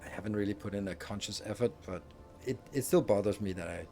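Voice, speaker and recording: A fast-talking middle-aged Danish streamer with a lowish voice and dark tone chats casually with viewers over soft background music. Speaking with a Danish accent, he is self-deprecating and rambles with restarts while he plays.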